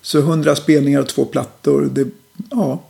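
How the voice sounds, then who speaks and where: A middle-aged man, a musician, calmly telling stories about his old band in a casual interview, with lots of hesitations. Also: a little high, vocal fry, noisy background. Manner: relaxed, reflective storytelling with many fillers. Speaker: musician guest.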